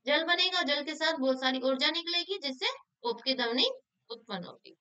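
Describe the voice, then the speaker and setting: A woman's voice: high voice, animated, moderate pace, bright, forceful tone, highs cut off. A woman teacher, explaining exam questions and answering her own questions. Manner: asks questions then answers them herself; repeats key answers for emphasis.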